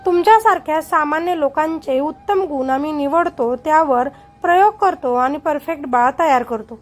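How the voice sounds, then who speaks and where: A woman voicing a cold, calm villainous rich man in a storybook narration, speaking with smug, unhurried ease. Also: high-pitched, faint music behind, natural voice.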